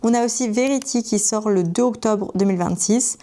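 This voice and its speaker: A woman's voice: fairly high pitch, moderate pace, warm tone. A young woman in her twenties from France, chatting enthusiastically and gushingly to camera about upcoming book adaptations. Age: 20s. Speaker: book vlogger. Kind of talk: casual chat to camera.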